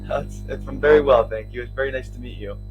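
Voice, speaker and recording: A man's voice: medium pitch, fast, darkish tone, soft background music, rough recording. Friendly Midwestern man tutoring. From Minnesota, United States. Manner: friendly, laughs often, asks easy questions. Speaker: English tutor. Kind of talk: casual conversation. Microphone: video call.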